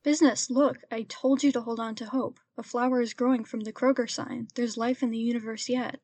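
A woman's voice: on the high side, flat delivery, fairly quick, darkish tone, natural voice. A woman voicing a blunt, impatient giant rat intern in a comedy script read aloud. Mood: dramatic. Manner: blunt, bossy.

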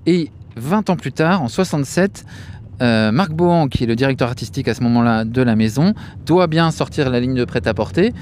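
A man co-hosting a casual podcast, talking about fashion in a lively, chatty way. His voice sits at an ordinary middle pitch, and he often stops and restarts his sentences with fillers. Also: a little fast, slight background noise. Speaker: podcast co-host.

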